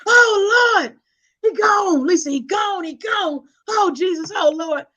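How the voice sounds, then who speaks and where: A woman voicing her dramatic older grandmother, who shouts and wails exclamations. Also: very high voice, lively intonation, slow pace, lo-fi sound, pitched above the performer's own voice, full character voice. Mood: wailing.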